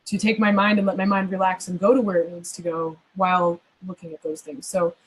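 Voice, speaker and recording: A woman's voice: on the low side, level tone, a little fast, husky, low-quality recording. A woman guest in a question-and-answer session, answering at length in a thoughtful, rambling way with many fillers. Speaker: astrologer guest. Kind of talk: conversational Q&A answers.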